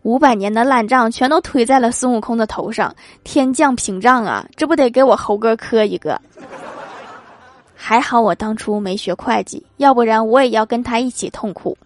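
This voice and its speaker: A woman's voice: on the high side, moderate pace. A woman hosting a comedy show, reading funny anecdotes aloud with acted quotes and chuckling at her own punchlines. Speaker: host.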